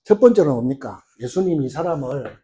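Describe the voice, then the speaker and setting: A middle-aged male pastor preaching a sermon in a lively way, throwing rhetorical questions at the congregation and acting out quoted lines. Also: mid-range voice, fairly quick, slight background noise.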